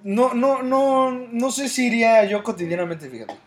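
High-voiced Mexico City man, slangy banter. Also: normal speed. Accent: Mexico City Spanish. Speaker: podcast co-host. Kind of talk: casual chat.

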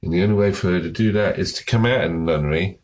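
A hoarse man with a cold, chatting casually and summarizing a book, often losing his thread. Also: sits low, fast talker, darkish tone. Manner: rambling, loses his thread and restarts. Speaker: book vlogger.

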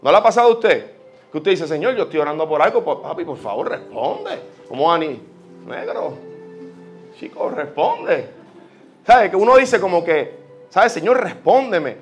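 A man with a Puerto Rican accent preaching a sermon, telling personal stories with lively quoted prayers. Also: a little high, a little fast, soft background music. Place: church.

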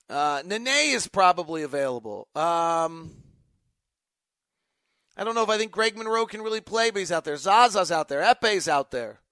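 This is the host, a basketball announcer and insider, running a casual live sports podcast. He's an American man, conversational and emphatic, offering opinions as he goes, in a high, bright voice with a forceful edge. The recording is dry.

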